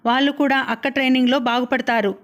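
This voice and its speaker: A woman reading the part of a young man who calmly persuades his mother. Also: high-pitched, fast talker, muffled recording, lightly acted. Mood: persuasive. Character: young man, reasonable brother.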